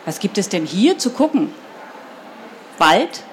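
A woman's voice: medium pitch, very animated, slow pace, a little hiss or hum. A woman voicing a grumpy, bossy tall girl of almost twelve who asks blunt, scornful questions in a storybook reading.

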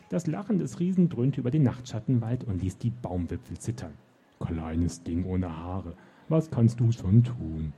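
Gravelly dark-voiced man narrating. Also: medium pitch. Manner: dramatic, expressive storytelling. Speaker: audiobook narrator. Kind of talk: scripted fantasy audiobook narration.

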